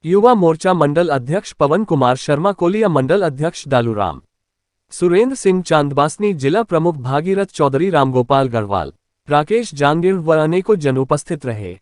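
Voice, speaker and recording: A man reading a local news report as a voice-over, steady and even, reciting long lists of names. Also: fairly high pitch, normal speed, no room sound, studio quality.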